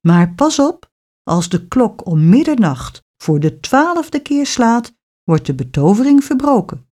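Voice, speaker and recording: Woman voicing storybook fairy godmother, kind, soft, soothing. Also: fairly high pitch, sing-song, measured pace, voice pushed up. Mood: gentle.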